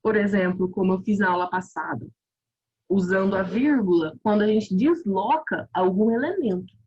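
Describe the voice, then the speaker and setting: A woman teacher with a Brazilian Portuguese accent, giving a quick, informal grammar review with lots of self-interruptions. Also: mid-range voice, breathy edge, dull audio. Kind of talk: online grammar review lesson.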